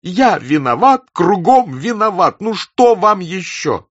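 A man's voice: deep voice, expressive, takes it slowly, pushed and bright, husky, dry recording, heavily acted. A man voicing a flustered, proud young count who pleads and stammers on the verge of tears, on a dull, dry lo-fi recording. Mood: pleading.

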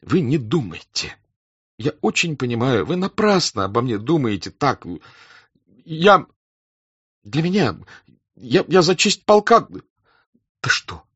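A man's voice: low-pitched, animated, takes it slowly, pauses often, sharp tone, breathy edge, no room sound, exaggerated voice. A man voicing a flustered, proud young count who pleads and stammers on the verge of tears, on a dull, dry lo-fi recording. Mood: pleading.

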